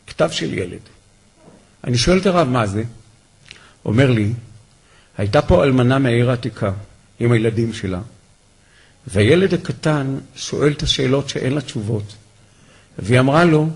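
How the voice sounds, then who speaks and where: Gravelly husky older man telling stories. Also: mid-range voice. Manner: animated storyteller acting out quoted voices. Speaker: speaker at a memorial gathering. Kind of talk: storytelling sermon.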